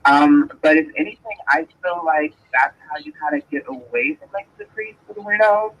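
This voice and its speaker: A woman's voice: low-pitched, moderate pace, slight background noise. A woman calling in to a talk show, chatting casually and rambling with lots of fillers, heard over a phone on speakerphone. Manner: rambling, lots of "like" and "you know". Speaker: caller. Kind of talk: casual call-in chat. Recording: dull, muffled phone line.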